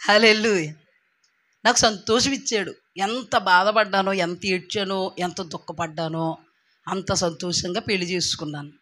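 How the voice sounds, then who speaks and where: A woman's voice: medium pitch, normal speed. A young woman with a Telugu accent giving a sermon, telling her own testimony and acting out the voices of the people in it. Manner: animated storytelling, acting out quoted voices. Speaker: preacher.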